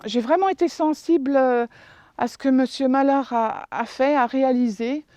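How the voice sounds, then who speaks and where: A woman's voice: sits high, moderate pace, a little mellow. A woman from the village speaking in an interview, hesitant and stopping on fillers. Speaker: village resident. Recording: dull, dry lo-fi sound.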